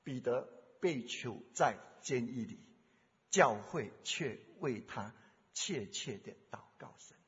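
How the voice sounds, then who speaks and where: A male preacher giving a sermon, fervent, moving from hushed storytelling to loud exhortation. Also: medium pitch, animated, slow pace, breathy edge. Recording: dull sound with long hall reverb.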